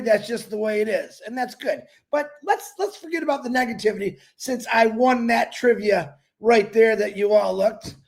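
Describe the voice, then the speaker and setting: A man hosting a casual motivational livestream, talking in a rambling, animated way and laughing often. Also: very high-pitched. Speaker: livestream host.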